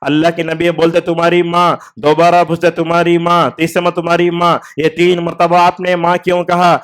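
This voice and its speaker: A man's voice: fairly high pitch, completely flat delivery, a little fast, smooth. A man delivering a Friday sermon in a mosque, telling stories with a voice that rises and falls with the tale. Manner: storytelling preacher, voice rising and falling with the tale. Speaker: preacher.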